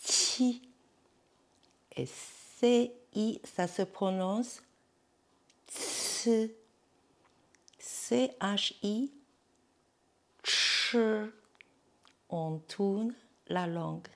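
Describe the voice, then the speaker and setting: Slow, patient woman teaching pronunciation. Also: mid-range voice, creaky, a little mellow. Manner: patient, repeats sounds slowly with many checks. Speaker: Chinese teacher.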